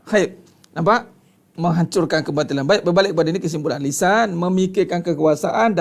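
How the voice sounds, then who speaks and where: A man's voice: high voice, creaky. A man with a Malaysian Malay accent preaching to a congregation, emphatic, stretching key words and firing rhetorical questions. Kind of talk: religious lecture to a congregation.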